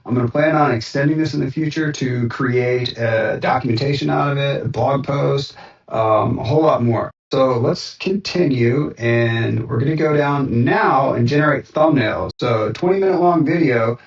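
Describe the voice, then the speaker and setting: A man's voice: mid-range voice, normal speed, gravelly. A man casually walking through a screen-share demo of his app, thinking aloud with frequent "uh"s and restarts. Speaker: software developer demoing his app. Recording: roomy, distant and dull sound.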